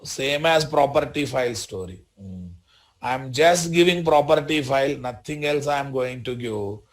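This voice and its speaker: A man with a Telugu Indian accent gives a live programming lesson at a middle pitch. He speaks in short instructional phrases, says key points again, and keeps checking understanding with questions. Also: expressive, a little slow. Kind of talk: live software tutorial.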